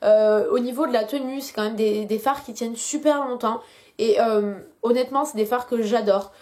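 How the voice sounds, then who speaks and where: In a somewhat high, slightly mellow voice at an ordinary pace, a young beauty vlogger casually reviews a product while nursing a headache. She hesitates a lot as she talks.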